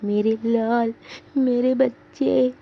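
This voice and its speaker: A woman's voice: mid-range voice, slow pace, vocal fry, highs cut off, slight background noise. A woman teacher voicing a bossy, impatient old grandmother who nags in a raised voice. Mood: scolding. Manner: raised, nagging tone.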